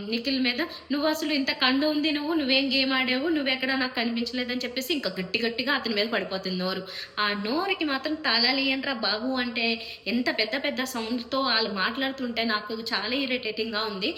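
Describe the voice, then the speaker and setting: A woman with a high, bright, sharp voice reviews a reality show at a rapid clip. She sounds indignant, asking one rhetorical question after another. The room gives her voice a noticeable echo. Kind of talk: opinionated review monologue.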